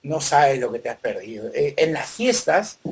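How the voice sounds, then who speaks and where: Unhurried Peruvian father reminiscing. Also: medium pitch, very animated, gravelly, slightly rough. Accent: Peruvian Spanish. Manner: warm reminiscing, unhurried, many fillers. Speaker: podcast host and father. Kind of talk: casual chat.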